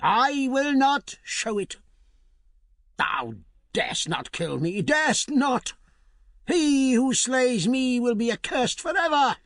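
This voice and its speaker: A man putting on a shrill, cackling ancient witch, spiteful and wild, her voice leaping high and swooping all over. She drawls slowly with a gravelly edge, like a storybook hag hissing her threats. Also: big pitch swings, fairly bright tone, no room sound, studio quality, heavily acted. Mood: defiant. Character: ancient wicked witch woman, shrieking and cackling.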